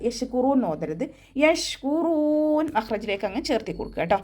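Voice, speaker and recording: Patient woman teaching recitation online. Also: medium pitch. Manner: patient, step-by-step explanations with soft reminders. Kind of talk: online tajweed class instruction.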